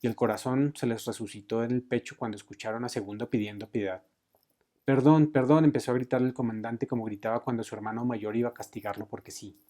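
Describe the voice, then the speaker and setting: A man reading a novel aloud expressively, raising his voice for shouted lines. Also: lowish voice, fairly even intonation, quick pace, hardly any pauses. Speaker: book reader.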